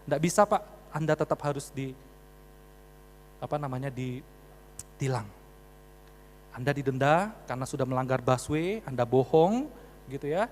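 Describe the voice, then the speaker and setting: A man voicing a stern, unbending male traffic policeman in a story, speaking in a flat, official way. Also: medium pitch, measured pace, long pauses, lightly acted. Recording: reverberant hall with mains hum.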